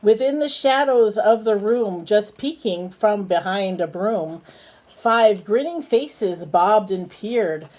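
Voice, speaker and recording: In a low-quality recording, a woman with a mid-range, slightly mellow and animated voice reads a picture book to children. She goes at an unhurried pace, pausing to chat with a small bird and ask it simple, coaxing questions.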